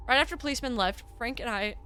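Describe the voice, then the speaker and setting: A woman voicing a gruff, misanthropic old drunk man who slurs and speaks in halting, broken sentences. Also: fairly high pitch, sharp tone, soft background music, voice pushed up. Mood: uneasy. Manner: slurred, halting, broken grammar.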